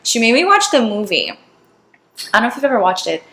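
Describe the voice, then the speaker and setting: A woman's voice: a little high, sing-song, fast, pushed and bright. A young woman co-hosting a podcast in casual chat, blunt and swearing freely, acting out quoted dialogue. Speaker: podcast co-host. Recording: roomy echo.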